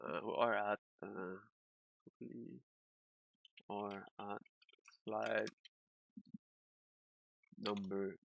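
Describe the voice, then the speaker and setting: A male streamer explaining game data analysis in a casual live-stream walkthrough, halting, repeating words and using loose, non-standard English phrasing. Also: fairly low pitch, little pitch movement, vocal fry, fairly bright tone, a little hiss or hum, low-quality recording.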